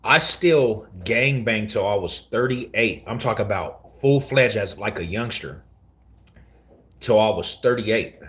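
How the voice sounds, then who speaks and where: A man's voice: fairly low pitch, animated, a little slow, fairly bright tone. A man in his forties telling his story on a casual live stream, slangy and repeating himself, calling the listener bro. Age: 40s.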